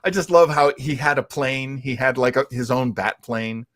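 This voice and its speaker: This mid-range, fairly bright male voice moves at a moderate pace in a dry recording. He's the host of a livestream covering classic radio and comics, giving loose live chat commentary full of enthusiasm, tangents, and hesitant wording.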